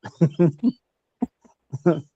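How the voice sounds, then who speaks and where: A man with a fairly high voice leads a spiritual discourse as a teacher. He quizzes his listeners, repeats his key words, and lets out a chuckle between points. The recording is dry and a little dull. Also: lively intonation, very slow, warm tone, husky, no room sound. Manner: repeats key words and asks the audience rhetorical questions. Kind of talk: question-and-answer spiritual discourse.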